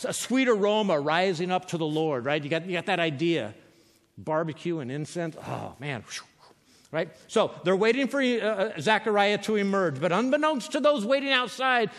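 High-voiced man preaching in a reverberant hall. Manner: conversational, often asks "right?"; drops to quiet emphasis. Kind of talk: sermon on scripture.

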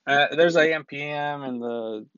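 A man's voice: a little high, moderate pace, a bit bright, dry recording, dull audio. A young man telling a personal story in a casual, rambling way, with many restarts. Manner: rambling, loose, full of restarts.

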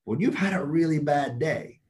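Blunt, animated man. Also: fairly high pitch, normal speed. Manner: blunt, emphatic, laughs often. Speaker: interview guest. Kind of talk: casual chat.

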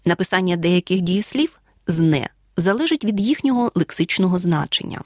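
A woman from Ukraine teaching a language lesson, reading a scripted audio lesson and dictating example words clearly and deliberately. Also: on the low side, expressive, dry recording, studio quality.

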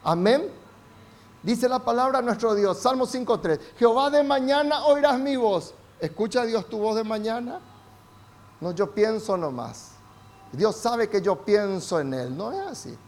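A male pastor with a very high, light voice, preaching with fervor. He drops to quiet, close asides with the congregation, then climbs into loud, impassioned prayer. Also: lively intonation, measured pace. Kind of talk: sermon.

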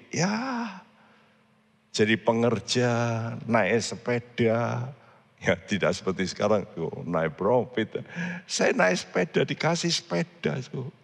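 A man's voice: medium pitch, big-room sound. A man preaching a sermon, earnestly and often addressing the congregation directly. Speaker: pastor.

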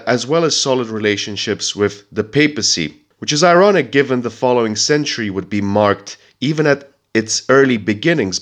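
A man with a somewhat low voice narrates history for his podcast from a script. A heavy cold makes him sound nasal and stuffed up. His delivery is measured, with the odd filler and restart. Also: a bit bright.

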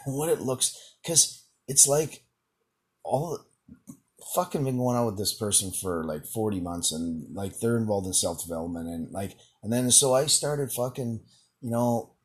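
A man's voice: on the low side, slightly rough. A man hosting his own podcast in a rambling solo monologue, swearing constantly and chuckling between filler words. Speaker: podcast host.

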